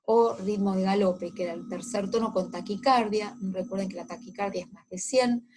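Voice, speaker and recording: Female lecturer, mid-range voice, measured teaching delivery with hesitations and "eh" fillers. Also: mid-range voice. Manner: explanatory, with frequent "eh" fillers and check-ins. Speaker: medical lecturer. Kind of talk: recorded medical lecture.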